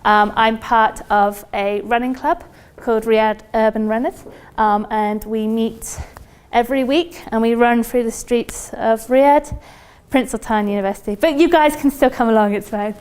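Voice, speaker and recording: In a university lecture room, a British woman from the United Kingdom gives a chatty, informal workshop presentation to an audience as a company recruiter. Her voice is on the high side, clean and darkish in tone, with fairly even intonation at a normal speed.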